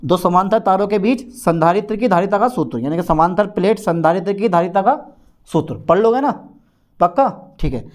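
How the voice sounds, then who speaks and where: A man teaching a physics exam-prep lesson, repeating key phrases slowly and stressing what matters for the exam. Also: high-pitched.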